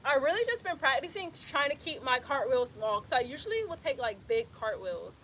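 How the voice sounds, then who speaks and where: A young woman from Atlanta, Georgia, speaks with a local Atlanta accent in a high, very animated voice that's fairly quick and fairly bright, with a little hiss or hum underneath. Filmed on a phone outdoors in bright sun, she teaches handstand practice on an exercise mat, chatting in a laid-back way, saying "y'all" and laughing often as she gives casual workout instruction.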